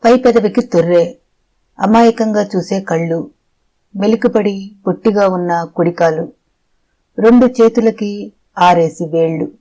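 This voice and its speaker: Mellow, measured audiobook narrator. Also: mid-range voice, rough recording. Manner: measured, steady storytelling.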